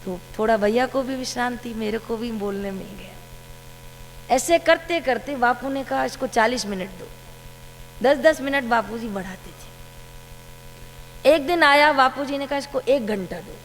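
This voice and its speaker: A woman's voice: on the high side, unhurried, long pauses. A woman giving a devotional satsang talk, telling a story about her guru and quoting his words. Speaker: satsang speaker. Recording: long hall reverb with faint hum.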